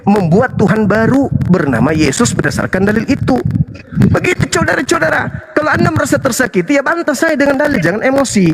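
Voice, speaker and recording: Combative high-voiced Indonesian man. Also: big pitch swings, a little fast, creaky, very noisy. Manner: combative, challenging, rhetorical. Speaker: religious debate host and apologist. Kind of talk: heated live debate monologue.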